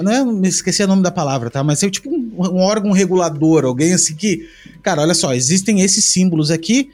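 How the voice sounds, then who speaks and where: High-voiced rambling man. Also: darkish tone. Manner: rambling, slangy, many restarts and fillers. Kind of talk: casual chat.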